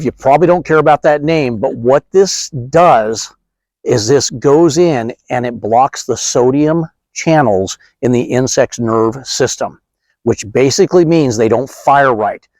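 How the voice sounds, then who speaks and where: A man explains pest control in a relaxed, joking way, speaking right to the camera. His voice sits at an everyday middle pitch. The sound is dry and close, with no room around it. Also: no echo. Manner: chatty, joking, direct to the viewer. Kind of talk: casual how-to demonstration.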